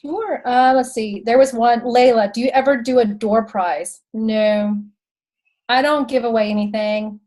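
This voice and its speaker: A chatty Texan woman in her thirties gives sales tips with laughing asides and calls her viewers y'all. Her voice sits high. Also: steady tone, a little slow, darkish tone, rough recording. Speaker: direct-sales consultant and host. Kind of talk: casual how-to talk.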